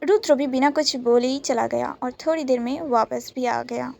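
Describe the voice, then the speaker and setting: High-voiced woman reading a romance story. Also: fairly even intonation, moderate pace, vocal fry, a little mellow. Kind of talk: scripted narration of a romance story.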